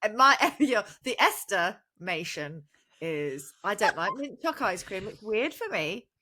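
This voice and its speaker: Woman, podcast co-host, casual chat, playful, very animated pitch. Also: unhurried. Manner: chatty, playful, full of laughs.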